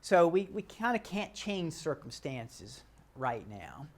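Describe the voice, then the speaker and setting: Calm man explaining a mental model. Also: fairly high pitch, takes it slowly. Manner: calm, explanatory, self-correcting. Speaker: teacher. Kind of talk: explaining a self-help model.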